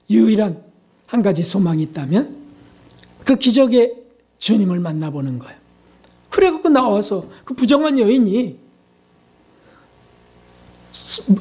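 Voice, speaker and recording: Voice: medium pitch, dark tone, husky. A preacher in full sermon mode, leaning hard on repetition and rhetorical questions. The delivery is emphatic and insistent. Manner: emphatic, rhetorical questions, repeats key words. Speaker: pastor.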